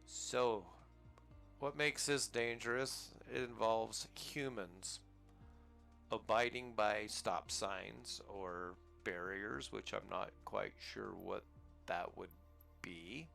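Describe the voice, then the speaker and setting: An American flight sim channel host, with a fairly low, slow voice carrying vocal fry and a sharp tone, rambles easily through commentary on his gameplay. He chuckles at himself now and then, with soft music playing behind him.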